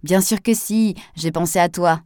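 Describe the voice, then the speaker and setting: A woman reading Pascal, a calm capable woman. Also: on the low side, normal speed, dry recording, clean studio sound, natural voice. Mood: composed.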